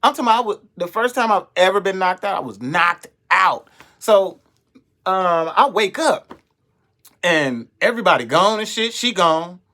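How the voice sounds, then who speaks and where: A young adult man, a comedian, telling a story in an animated, profane way and acting out the voices of the people in it. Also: high-pitched, normal speed. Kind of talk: storytelling monologue.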